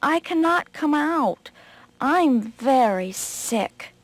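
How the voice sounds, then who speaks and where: Sly, cocky storybook rabbit with a high voice, read by a woman. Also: very animated, a little slow, no echo. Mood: feigning sickness. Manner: cocky, then fakes a weak sickly voice. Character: tricky boastful male rabbit.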